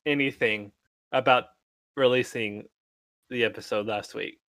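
An easygoing man co-hosting a podcast, trading dry jokes in a relaxed chat. His pitch sits in the middle range, and the sound is dry and close. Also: a little slow, dry recording. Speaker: podcast co-host. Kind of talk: casual chat.

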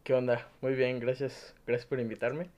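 A man in his twenties with a Nayarit Mexican accent, a student guest talking thoughtfully with many pauses and fillers. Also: medium pitch, flat delivery, a little mellow. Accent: Nayarit Mexican Spanish. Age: 20s. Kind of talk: casual chat.

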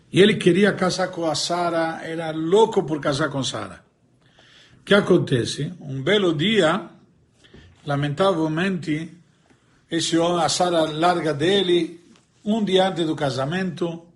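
A man giving a Torah lesson, telling stories and a joke, acting out the characters and pausing to search for words. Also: fairly high pitch. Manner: animated storyteller, voices characters, searches for words aloud. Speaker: religious teacher.

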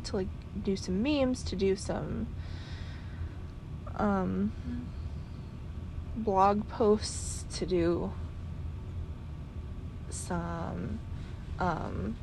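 Rambling tired woman with a gravelly voice. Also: medium pitch, extremely slow, pauses often, background noise. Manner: rambling, many fillers and restarts, talking in circles. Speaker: vlogger and podcaster. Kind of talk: rambling casual monologue.

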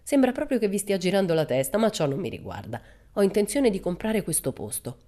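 A woman playing a curt, haughty gentleman. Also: medium pitch, big pitch swings, brisk, pitched above the performer's own voice, lightly acted. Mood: brusque. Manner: curt and scolding. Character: haughty, stern gentleman, brusque and dismissive.

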